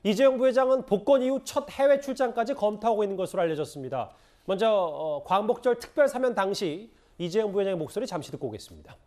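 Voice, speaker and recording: High-voiced male news anchor. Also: lively intonation, fast, a little mellow. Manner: summarizes guests' points and reports the network's findings. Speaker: news talk show anchor. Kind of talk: broadcast panel moderation.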